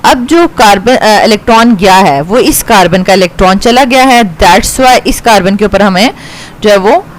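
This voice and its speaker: A woman's voice: mid-range voice, normal speed, a little hiss or hum, low-quality recording. A woman chemistry teacher with a Pakistani accent, patiently explaining a reaction step by step and often checking in with her students. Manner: patient, repeats "ठीक है" to check understanding, mixes in English.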